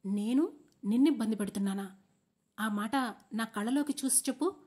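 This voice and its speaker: A woman voicing a heartbroken young fiancée who pleads and demands loudly. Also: fairly high pitch, a little fast, lightly acted. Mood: distraught. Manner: pleading, rising to loud demands.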